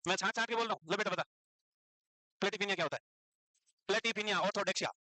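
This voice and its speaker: A man's voice: high voice, rapid-fire, bright, forceful tone, no room sound, rough recording. A male teacher, lecturing a class and teasing and scolding students as he quizzes them.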